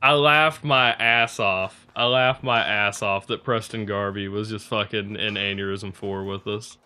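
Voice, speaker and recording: A man's voice: fairly low pitch, fairly even intonation, measured pace, bright, forceful tone, clean tone. A young man streaming a game, chatting casually with viewers in a rambling, profane way and laughing often.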